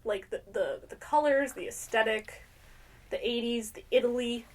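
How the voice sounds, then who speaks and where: A woman's voice: on the high side, moderate pace. A young woman co-hosting a podcast in casual chat, rambling with lots of fillers and swearing. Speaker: podcast co-host.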